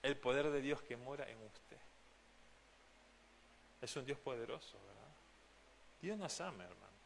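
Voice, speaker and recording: A man's voice: mid-range voice, animated, measured pace, vocal fry, slight background noise. A man from Argentina, preaching a sermon as pastor, earnest and direct, often asking the congregation questions. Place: church.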